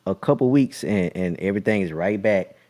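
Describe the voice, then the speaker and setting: A man's voice: low-pitched, lively intonation, brisk, darkish tone. A man co-hosting a casual talk show, speaking in an easygoing, conversational way. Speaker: podcast co-host. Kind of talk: casual chat.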